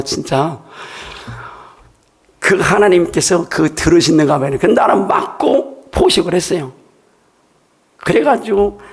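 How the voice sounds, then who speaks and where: A man's voice: on the high side, gravelly, husky. An older man, a pastor, preaching a sermon in a church in a conversational, emphatic storytelling way.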